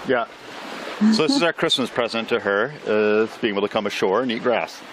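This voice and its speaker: A man's voice: fairly low pitch, expressive, brisk, noisy background. A man in his thirties, a sailing vlogger, joking offhand in casual chat outdoors. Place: outdoors on an island.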